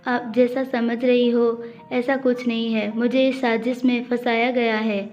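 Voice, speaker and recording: A woman's voice: a little high, level tone, unhurried, lightly acted. Tearful pleading young wife, read by a woman. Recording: dull audio with faint music.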